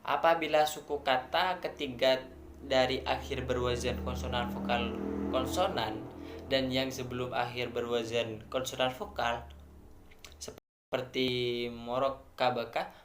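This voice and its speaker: Indonesian-accented male student presenter, measured and methodical, filler-heavy delivery, echoey room sound. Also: medium pitch, fairly even intonation, a bit bright, slight background noise. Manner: measured, explains step by step with many fillers. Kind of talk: academic presentation.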